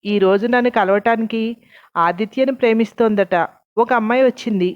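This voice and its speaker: A woman's voice: on the high side, moderate pace, natural voice. A woman voicing a young woman who reproaches her boyfriend with doubt in a read-aloud story. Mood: worried. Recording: dull lo-fi recording.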